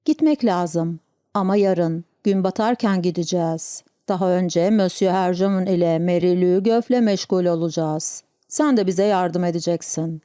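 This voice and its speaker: A woman's voice: on the low side, normal speed, dark tone, no echo, studio quality, close to an everyday voice. A woman voicing a stern, wounded Breton housekeeper who gives firm orders. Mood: commanding. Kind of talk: audiobook character reading.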